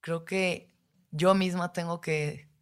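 A woman's voice: on the low side, fairly even intonation, slow pace, clean tone. A woman with a Mexican accent, hosting a podcast and talking candidly about her feelings in casual, slang-filled speech. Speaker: podcast host. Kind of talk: personal reflective monologue.

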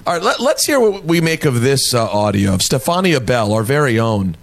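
Man, sports radio host, teasing banter, lively swinging pitch. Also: brisk, gravelly. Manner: playful, teasing, leads the talk.

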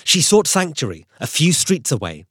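A man's voice: fairly high pitch, big pitch swings, normal speed, bright, forceful tone, husky, no echo, clean studio sound. A man narrating a documentary from a script, with a dramatic, suspenseful delivery.

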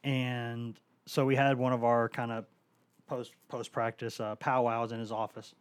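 A man, a sports reporter and co-host, telling anecdotes in casual chat, animated and quick to slip into impressions. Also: mid-range voice, clean tone, dry recording. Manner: animated storyteller, fond of impressions.

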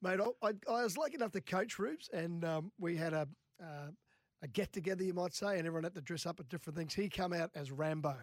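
Mature man, fairly high voice, chuckly matey anecdotes, dry studio. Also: quick pace, no room sound. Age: middle-aged or older. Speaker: former rugby league player and coach, guest. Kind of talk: casual anecdotal sports chat.

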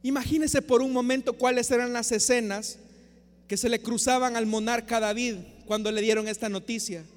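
A male preacher gives an impassioned sermon full of rhetorical questions, moving between loud and soft. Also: very high-pitched, steady tone, normal speed. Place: church. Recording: long church reverb.

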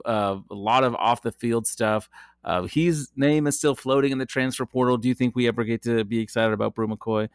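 A man's voice: mid-range voice, dry recording, clean studio sound. A man co-hosting a podcast, chatting casually about football with frequent ums and restarts. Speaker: podcast co-host. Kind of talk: casual sports chat.

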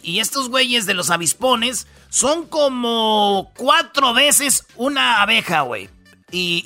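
A man's voice: sits high, sharp tone. A man with a Mexican Spanish accent hosting a radio comedy show, rambling through the news in slangy, jokey storytelling. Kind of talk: comic news rundown.

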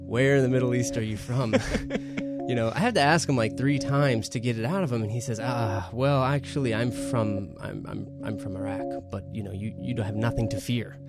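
A man co-hosting a podcast, casually retelling a story in a relaxed, chatty way. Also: medium pitch, fairly quick, over loud music. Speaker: podcast co-host.

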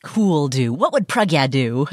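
A woman from Nepal hosting a podcast, introducing a guest and chatting in a lively, clear storytelling manner. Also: deep voice, a little slow, no echo, studio quality. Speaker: podcast host. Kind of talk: podcast interview.

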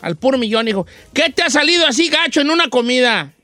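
A man hosts a morning radio call-in show with high, bright, swooping speech. He teases callers in playful rural slang. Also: expressive, fast, no room sound, studio quality.

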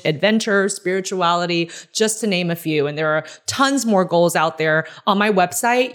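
Enthusiastic woman hosting a podcast. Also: fairly low pitch. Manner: warm, enthusiastic, encouraging. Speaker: podcast host. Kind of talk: interview hosting and advice segment.

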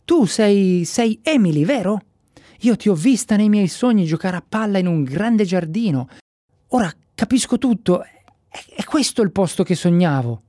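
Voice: mid-range voice, expressive, normal speed, no room sound, clean studio sound, voice pushed up, close to an everyday voice. A storyteller voicing an eight-year-old boy who calls out eagerly. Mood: excited. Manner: shouting eagerly.

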